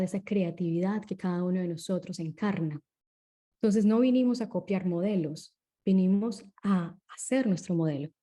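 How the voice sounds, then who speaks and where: A woman speaking as an interview guest, explaining ideas in a calm, unhurried way and often checking in with short tag questions. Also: medium pitch.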